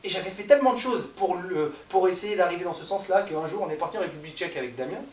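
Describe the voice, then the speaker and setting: A man's voice: sits high, quick pace. A man in his thirties preaching an informal sermon, conversational and self-deprecating, joking with his listeners. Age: 30s. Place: church hall. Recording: echoey room, voice from far off the mic.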